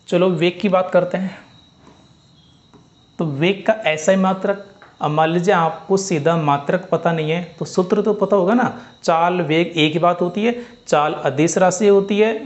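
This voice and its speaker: A man's voice: on the high side, highs cut off. A man teaching a physics lesson, who keeps going over the steps again and keeps asking his students whether they have understood. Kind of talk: classroom-style lesson.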